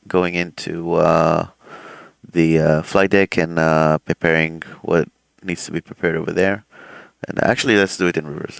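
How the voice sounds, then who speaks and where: His low voice is creaky yet clear and resonant, captured dry, as the airline pilot runs cockpit checks on a flight sim stream. The chat is easygoing and meandering, packed with fillers, and his throat is somewhat swollen.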